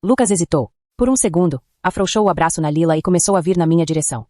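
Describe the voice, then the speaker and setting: A woman tells a first-person story in a low-pitched voice. She moves through it at a quick clip, steady and even. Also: dry recording, studio quality. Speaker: story narrator.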